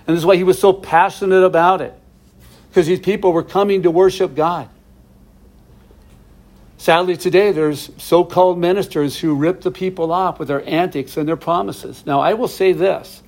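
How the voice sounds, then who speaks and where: A man's voice: a little high, darkish tone. Man teaching a verse-by-verse Bible study. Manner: explains verses plainly, with asides to viewers.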